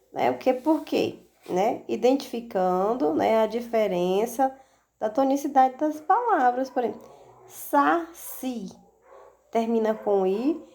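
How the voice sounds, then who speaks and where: A woman's voice: a little high, vocal fry, darkish tone. A woman teaching a recorded video lesson for children, speaking patiently and asking rhetorical questions as she goes. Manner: slow, patient, asks rhetorical questions with frequent "né?".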